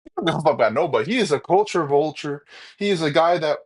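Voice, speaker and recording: A man hosting a reaction video, rambling with halting restarts and blunt opinions. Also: on the high side, animated. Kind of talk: casual reaction commentary.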